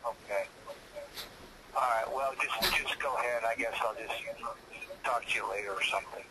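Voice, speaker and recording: A man's voice: mid-range voice, normal speed, crowd noise. A man calling into an online class, heard over a phone on speaker, giving short, hesitant replies. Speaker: webinar attendee calling in. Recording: noisy phone line on speaker.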